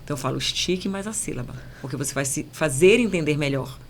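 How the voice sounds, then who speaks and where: Low-voiced Paraense woman, measured. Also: a little hiss or hum. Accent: Paraense Brazilian Portuguese. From Belém, Pará, Brazil. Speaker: journalist guest. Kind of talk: podcast conversation.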